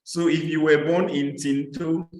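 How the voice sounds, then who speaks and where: A Cameroonian man mentors teachers on a video call, walking them through an application form in a fairly high, flat, darkish voice at a slightly slow pace. He explains by repeating points with examples, hesitating often and filling gaps with "uh." The recording is rough and reverberant.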